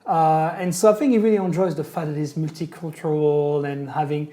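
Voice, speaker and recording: A man's voice: fairly high pitch, fairly even intonation, a little fast, mellow. A man in his forties from France, with a French accent, earnestly answering interview questions in English. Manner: earnest, restarts with "I mean" and "to be honest". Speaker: podcast guest. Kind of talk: conversational interview.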